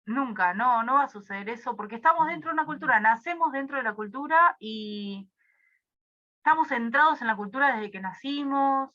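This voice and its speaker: A woman's voice: high voice, animated, brisk, pushed and bright, muffled recording. A young woman with a Rioplatense Spanish accent, tutoring a review class casually with many fillers and asides.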